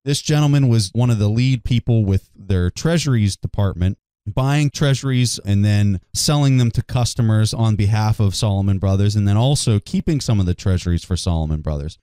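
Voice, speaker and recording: A man's voice: on the low side, normal speed, mellow, smooth, no echo, studio quality. A man co-hosting a podcast, telling stories in an enthusiastic, emphatic way during a casual discussion. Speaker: podcast co-host.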